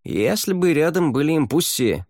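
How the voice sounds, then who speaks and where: A man's voice: fairly high pitch, very animated, normal speed, darkish tone, no room sound, clean studio sound, voice pushed up. A man voicing a grumpy, sarcastic sailor who snorts and grumbles. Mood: grumbling. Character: grumpy sardonic male sailor.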